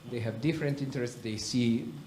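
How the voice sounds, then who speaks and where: A man answering on a conference panel, speaking haltingly with many restarts. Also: medium pitch, a little mellow. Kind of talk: panel discussion. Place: conference stage. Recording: roomy hall with faint noise.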